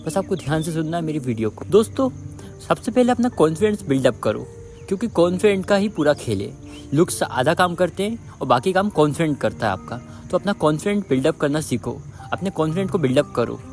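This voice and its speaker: A man talks quickly in a fairly high voice, speaking straight to the viewers with dating tips. He calls them friends and says each point several times over. Soft music plays faintly behind him. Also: very animated. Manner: repetitive, addresses viewers as friends. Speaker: dating advice video host. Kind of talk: direct-to-viewer advice talk.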